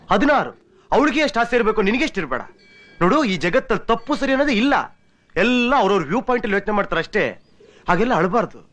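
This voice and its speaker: An actor playing a smooth-talking, manipulative man who lectures with a twisted philosophy in film dialogue. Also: sits high. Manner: sly, lecturing, swinging from whispers to shouts. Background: film score music.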